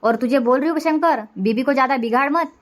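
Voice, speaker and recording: A woman's voice: high voice, brisk, slight background noise, close to an everyday voice. A woman voicing a nagging middle-aged village mother-in-law in a cartoon, scolding and complaining.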